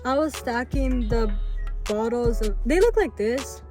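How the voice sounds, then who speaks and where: A woman's voice: fairly high pitch, lively intonation, a little slow. A young woman vlogger casually telling a story, chatty and full of fillers, with music playing behind.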